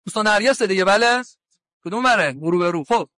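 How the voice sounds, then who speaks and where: A man's voice: high-pitched, bright, forceful tone, no echo. A man who is a cleric, giving a sermon in a colloquial way, retelling conversations with quoted lines from around Qom. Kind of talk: sermon with anecdotes.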